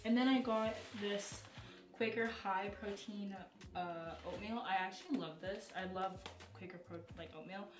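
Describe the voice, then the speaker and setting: A young woman chatting casually to camera at home as a vlogger, relaxed and full of likes and ums. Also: mid-range voice, moderate pace, over music. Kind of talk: casual vlog chat to camera. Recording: roomy echo.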